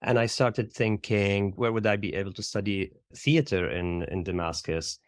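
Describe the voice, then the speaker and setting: Interview guest: Syrian-accented man, middle-aged, low and reflective, lots of "like" and "right?". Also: moderate pace, dry recording, studio quality. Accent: Syrian Arabic. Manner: reflective, uses "like" and "right?" often. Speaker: guest, theater educator. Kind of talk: conversational interview.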